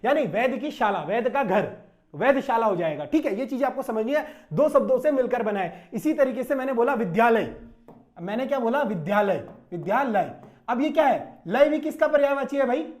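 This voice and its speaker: A man's voice: extremely high pitch, animated, brisk, darkish tone. Man teaching grammar in casual exam coaching. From Uttarakhand, India. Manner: conversational, repeats questions, says "bhai", stretches out syllables. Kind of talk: exam-prep grammar lesson.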